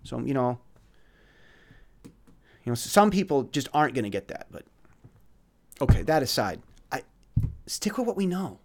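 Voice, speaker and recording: A man giving a casual, reflective monologue of life advice, earnest, often restarting his words and swinging between louder and softer passages. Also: medium pitch, sing-song, normal speed, long pauses, a little hiss or hum.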